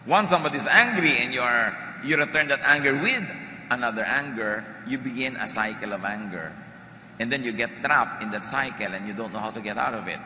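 A man delivers an emphatic sermon, his voice bright and forceful. He leans on key words and slips in humorous remarks to the congregation. The recording rings with long reverb from a large hall, and faint noise sits underneath. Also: medium pitch, normal speed. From Philippines. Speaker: pastor.

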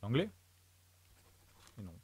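A man's voice: slow, darkish tone, a little hiss or hum. A man with a French accent streaming a game, thinking aloud and muttering to himself and his chat as he works through a puzzle. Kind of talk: live let's play commentary.

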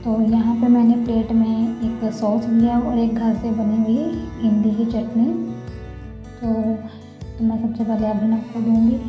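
A woman in her thirties hosting a home cooking video, calmly explaining each step in her kitchen. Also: on the high side, echoey room, lo-fi sound. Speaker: cooking channel host.

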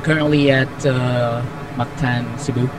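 Pilot on a cockpit headset radio, man, flat even delivery, distant transmission with loud engine noise. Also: medium pitch. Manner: halting, with frequent fillers, reads back clearances. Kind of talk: air traffic radio call.

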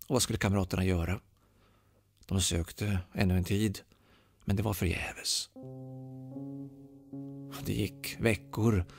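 A man from Sweden telling a ghost story aloud, dramatic with slow, suspenseful pauses. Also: lowish voice, a little mellow, breathy edge, no room sound, clean studio sound. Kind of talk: oral ghost story narration.

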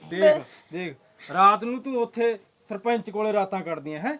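Male actor as an accusing, taunting husband with a very high voice. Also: normal speed, a bit bright. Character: jealous accusing village husband. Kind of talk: village comedy drama.

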